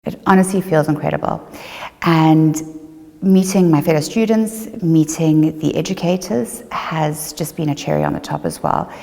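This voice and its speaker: A middle-aged woman from Zimbabwe, an attorney, giving a measured, reflective testimonial interview. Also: deep voice, gravelly, dark tone, long reverb tail. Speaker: attorney and former online law student.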